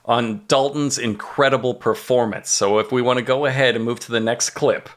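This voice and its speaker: A man with an average-pitched voice hosts a casual comedy recap podcast. He talks in sweary, incredulous exaggeration as he tells the story. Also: steady tone, moderate pace. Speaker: podcast host recapping a TV episode.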